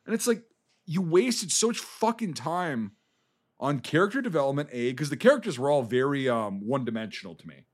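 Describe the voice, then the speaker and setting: Fairly high-pitched and fairly quick, this man's voice has lively intonation as he casually tears into a movie he didn't like on a film podcast. He's profane and exasperated, swearing a lot and rambling with frequent restarts.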